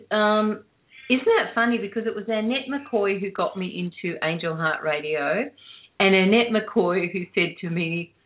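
Woman, unhurried, earnest, soft-spoken, phone-line audio. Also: mid-range voice. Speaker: guest. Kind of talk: heartfelt storytelling. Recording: tinny phone-line sound.

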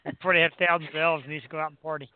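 An American man with a high voice hosts a casual talk show. He rambles along with playful bragging. The recording is dry and somewhat muffled. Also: fairly even intonation, very fast, dry recording. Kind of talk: casual chat.

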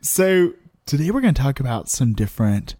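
A male podcast co-host with a mellow, dark voice and a lively, bouncing pitch. He chats and tells stories playfully. The sound is dry and close. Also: fairly quick, dry recording. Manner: playful, storytelling. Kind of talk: casual chat.

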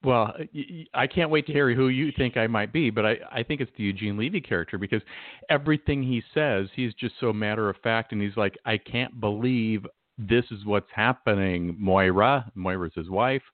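A man's voice: mid-range voice, brisk, no room sound, narrow, tinny audio. A man hosting a radio talk show, chatting casually with many restarts and acted-out quotes. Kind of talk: casual chat.

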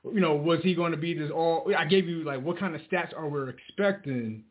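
A man co-hosting casual sports talk, loosely and haltingly working his way toward questions. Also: on the high side. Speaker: sports show co-host. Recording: tinny phone-like line.

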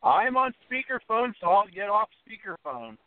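A man's voice: high voice, big pitch swings, moderate pace, dry recording. A man hosting a casual interview from a car over a speakerphone call, talking in an eager, rambling way. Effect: heard over a phone on speakerphone. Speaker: podcast host. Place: inside a car. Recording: tinny speakerphone call, dry.

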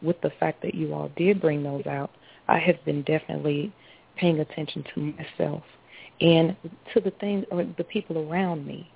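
Husky woman caller on a phone line. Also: deep voice, fairly even intonation, moderate pace. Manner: emphatic and repetitive, stacks up affirmations. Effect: phone line into a radio show. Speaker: radio show caller. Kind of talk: casual call-in chat.

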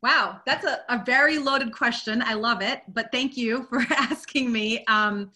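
A woman from Guyana speaks as a guest, recounting her life journey in a candid, open way. Her voice sits a little high and sounds bright and clear. She leans on casual fillers as she talks. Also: a little slow. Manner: candid, open storytelling with frequent "you know". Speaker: guest, spiritual teacher. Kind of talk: personal life story in an interview. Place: Virginia.

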